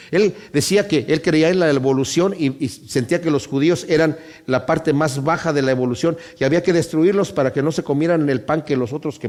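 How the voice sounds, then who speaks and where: A man preaching a Bible-study sermon, speaking emphatically to his congregation and slowing down to read scripture aloud. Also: a little high, darkish tone. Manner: addresses the congregation directly.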